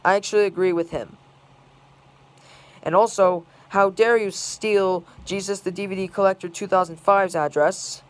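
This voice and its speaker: A furious scolding rant in a smooth, clean-toned voice set at a middling pitch. The speaker piles grievance upon grievance in long run-on chains, circling back to the same phrases over and over. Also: fairly even intonation, moderate pace. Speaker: video maker.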